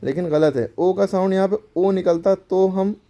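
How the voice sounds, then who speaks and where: Male teacher, mellow voice. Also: high-pitched, moderate pace, highs cut off. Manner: explains step by step, asks and answers his own questions. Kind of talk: grammar lesson for schoolchildren.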